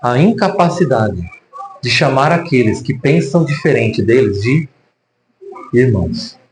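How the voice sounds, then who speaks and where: A man's voice: mid-range voice, lively intonation, a little slow, slight background noise. A man with a Brazilian Portuguese accent preaching a sermon, telling a story animatedly with many rhetorical questions, in a church hall. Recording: echoey room.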